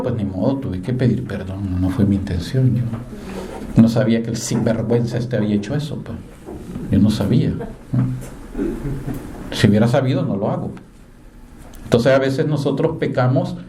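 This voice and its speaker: A man preaching a sermon in a conversational way, telling stories and moving between hushed and animated delivery. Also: fairly high pitch. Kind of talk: sermon with storytelling.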